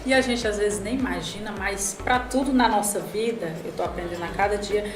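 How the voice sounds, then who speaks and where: A woman from the Northeast, a lawyer in her forties, telling a story as a guest, animated and acting out the dialogue. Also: medium pitch, brisk. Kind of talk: casual podcast chat. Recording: echoey room, soft music behind.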